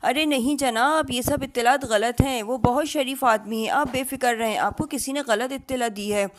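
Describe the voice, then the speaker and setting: A woman's voice: high voice, normal speed, lightly acted. A woman voicing a pompous, fawning middle-aged police superintendent who is easily flustered. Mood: protesting.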